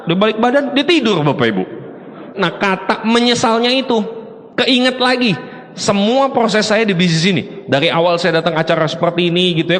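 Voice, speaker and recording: A middle-aged man giving an animated, joking motivational talk to a seminar audience. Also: high-pitched. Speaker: motivational speaker. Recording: long hall reverb.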